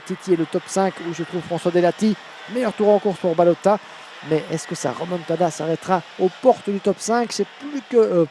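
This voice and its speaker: A man giving live motorsport commentary as a race commentator, with hesitant, pause-filled phrasing. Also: high voice, dark tone, slight background noise.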